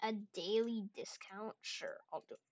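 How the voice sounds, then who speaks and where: A woman giving excitable casual commentary while playing a video game, talking to herself and yelling at the game, close to her microphone. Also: mid-range voice, moderate pace, dull audio. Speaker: gameplay streamer. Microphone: close desk microphone.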